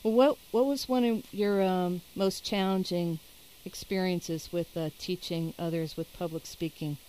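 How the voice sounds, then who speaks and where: A woman's voice: on the low side, fairly even intonation, measured pace, dark tone, low-quality recording. A woman interviewing a guest, asking conversational questions and thinking aloud as she goes.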